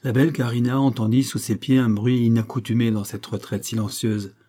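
Man reading an old novella, steady even pace, warm dark tone. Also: mid-range voice, fairly quick. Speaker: audiobook reader. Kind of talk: scripted narration of a classic novella.

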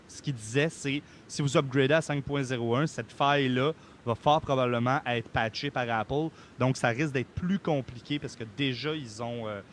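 A man with a Québécois accent hosting a podcast casually, in a halting, hesitant way. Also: mid-range voice, a little hiss or hum. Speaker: podcast host.

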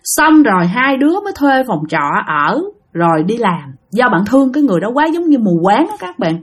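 A woman's voice: fairly high pitch, big pitch swings, a little fast. A woman telling a ghost story, chatty and speaking straight to her listeners. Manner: chatty, addresses listeners directly.

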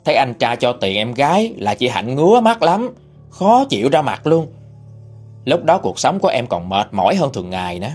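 A man narrating a first-person story in an expressive, indignant manner. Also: medium pitch, moderate pace, husky, soft background music.

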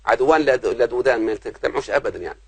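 Egyptian male grammar teacher, gravelly husky voice, always quizzing his class, dry sound. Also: mid-range voice, rapid-fire, no room sound. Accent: Egyptian Arabic. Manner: keeps checking if students understand.

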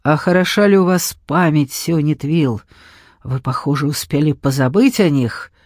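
A reader doing a cruel shadow mage, a man whose low, rough voice hisses and sneers with cold menace and an odd, unnatural tone. His words sound deep and clipped in a dry, close recording. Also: moderate pace, a little mellow, no echo, close to an everyday voice. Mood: menacing. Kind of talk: audiobook reading.

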